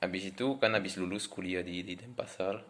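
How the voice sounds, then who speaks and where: Male vlogger, French native speaking Indonesian as a foreigner with a French accent: deep voice, flat intonation, hesitant casual delivery. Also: fairly quick, a little hiss or hum. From France. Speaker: vlogger introducing himself. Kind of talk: casual talk to camera.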